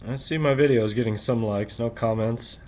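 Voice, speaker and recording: This middle-aged man hosts his channel with a rambling late-night monologue to camera, saying "right?" after almost every idea. He keeps quiet because his family is asleep. His mid-range, darkish voice moves at a moderate pace, with a bit of hiss or hum in the recording.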